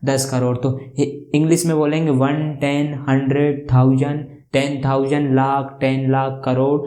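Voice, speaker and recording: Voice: medium pitch, level tone, a little slow, warm tone. A maths teacher explaining a lesson, who keeps asking questions and answering them, and spells out place values one by one.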